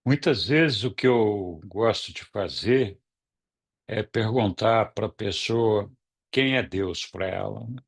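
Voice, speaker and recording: A man in a casual group discussion, speaking calmly and reflectively and posing questions to the listener. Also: fairly low pitch, takes it slowly, creaky, breathy edge. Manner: calm, reflective, asks questions. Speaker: study group member leading the turn-taking.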